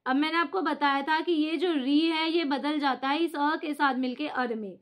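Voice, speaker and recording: A young woman teaches a casual lesson with a high voice. She works through examples one by one, asking a question and then answering it herself. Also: fairly even intonation, normal speed.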